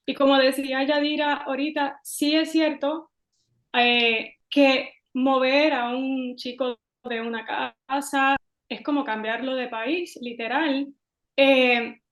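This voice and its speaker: A woman with a high voice speaks in a measured, explanatory way, reflecting on therapy as a host. The sound rings in an echoey room. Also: a bit bright.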